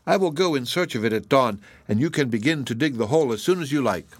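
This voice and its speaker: A man's voice: mid-range voice, expressive, quick pace, no echo, natural voice. A man voicing a brave, cheerful young princess who speaks eagerly and reassuringly, in a storybook reading. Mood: eager reassurance.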